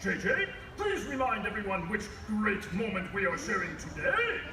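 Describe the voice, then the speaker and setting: An actor voicing a pompous, stuffy patriotic eagle puppet who orates formally in a live theme park show. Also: male voice, high-pitched, big pitch swings, normal speed, noisy background. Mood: stuffy, proud. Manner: pompous, stern, formal oratory. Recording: echoey show from far off, music.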